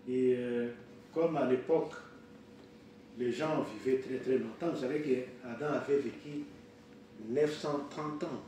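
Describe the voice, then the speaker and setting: A man in his sixties preaching a sermon, halting with fillers and restarts. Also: mid-range voice, dark tone, a little hiss or hum. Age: 60s. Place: church hall. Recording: echoey room, picked up from far off.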